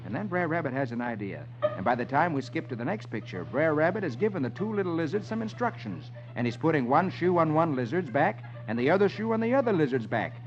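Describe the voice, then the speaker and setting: On a 1950s kids' radio show, the host, a man with a slightly high voice, rattles off funny-page stories fast and with hardly any pauses, in an animated, theatrical manner. Music plays behind the muffled vintage broadcast.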